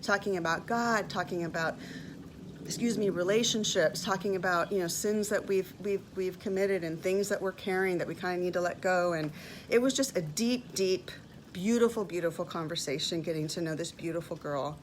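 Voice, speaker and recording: A woman's voice: lowish voice, moderate pace, slight background noise, poor audio. Emotional woman in her fifties telling a story. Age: 50s. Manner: animated, emotional storytelling with repeated words. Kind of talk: personal testimony vlog.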